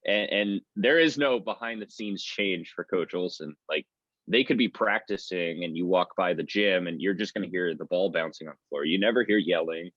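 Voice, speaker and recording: Dull, echo-free audio carries a low-sitting, fairly bright male voice at a moderate pace. The speaker, a play-by-play man from sports radio, is a podcast guest offering earnest, wordy replies in a relaxed interview.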